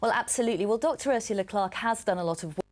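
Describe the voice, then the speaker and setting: A woman's voice: mid-range voice, racing. A woman reporter in the studio explaining a story thoughtfully to the presenter. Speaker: news reporter. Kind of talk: live studio debrief.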